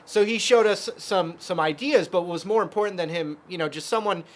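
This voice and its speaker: A man's voice: high-pitched, fairly quick. A man teaching a casual guitar lesson, explaining chords step by step with lots of fillers.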